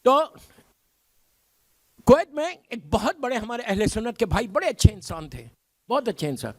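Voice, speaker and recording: Middle-aged man, cleric, very high voice, dry close sound, emphatic majlis sermon, rhetorical questions. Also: sing-song, no room sound.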